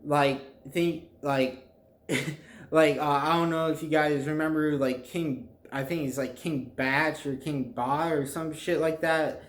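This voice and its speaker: A young man chatting casually to viewers in a halting, rambling way, often groping for words. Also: on the high side, steady tone. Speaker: vlogger telling a personal story. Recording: echoey, reverberant room.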